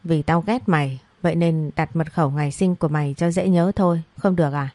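A woman voicing a blunt, sharp-tongued young man in an audio story, with a deadpan, mocking manner. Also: deep voice, a little fast, no echo, close to an everyday voice.

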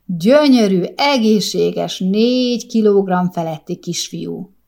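A woman reading a story, voicing a cheerful midwife who speaks in a bright, reassuring, unhurried way. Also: medium pitch, gravelly, close to an everyday voice. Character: cheerful female midwife, matter-of-fact.

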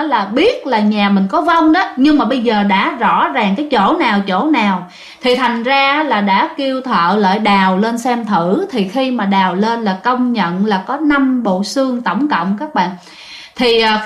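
A woman telling a ghost story in a chatty, casual way, often speaking to her listeners. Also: a little high. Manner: chatty, addresses listeners often, many fillers. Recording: echoey room.

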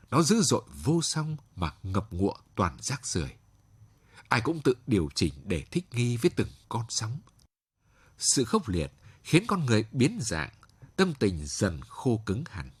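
A man narrating a story in a measured, expressive way for a late-night reading. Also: lowish voice, slightly rough, dry recording.

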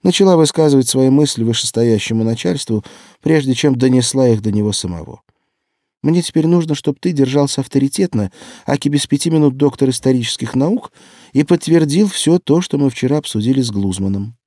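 A man's voice: on the high side, lively intonation, fairly quick, few pauses, dark tone, no echo, studio quality, pitched above the performer's own voice, lightly acted. A man reading an audiobook, voicing an impulsive young woman detective in a raised, pleading voice. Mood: eager. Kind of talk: audiobook character voice.

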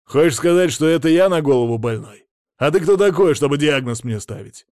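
A man voicing a rude, angry middle-aged male millionaire who blusters and shouts in a hoarse voice. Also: medium pitch, animated, normal speed, no echo, studio quality, natural voice. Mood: indignant.

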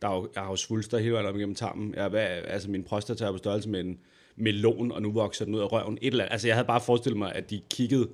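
A man co-hosting a podcast, casually telling a personal story and acting out the people in it. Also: lowish voice. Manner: animated storyteller, acts out quoted voices. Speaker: podcast co-host.

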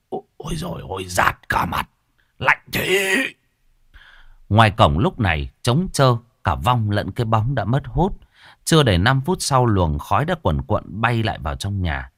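A man narrating a Vietnamese ghost story with a lively, dramatic delivery. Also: fairly low pitch, no echo, clean studio sound.

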